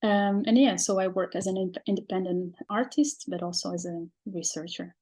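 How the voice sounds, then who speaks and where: A woman's voice: mid-range voice, steady tone, moderate pace, darkish tone. Hesitant Portuguese woman guest. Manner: hesitant, many fillers and restarts, laughs often. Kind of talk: interview conversation.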